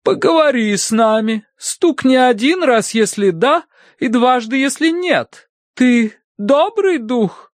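A man voicing a theatrical, imperious woman spirit medium who speaks in slow, grave commands. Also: very high voice, dry recording, studio quality, pitched above the performer's own voice. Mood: solemn commanding.

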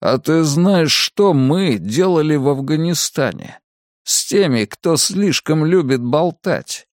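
A man reading as a slow, taunting masked torturer. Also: fairly high pitch, animated, darkish tone, no room sound, studio quality, pitched above the performer's own voice. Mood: menacing. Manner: slow, drawn-out taunting delivery. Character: menacing masked male torturer, calm and mocking. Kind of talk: audiobook character reading.

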